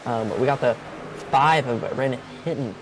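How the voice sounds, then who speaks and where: Excited man calling a sim race. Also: mid-range voice, moderate pace, slight background noise. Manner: excited, casual play-by-play with restarts. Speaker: race commentator. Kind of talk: sim racing commentary.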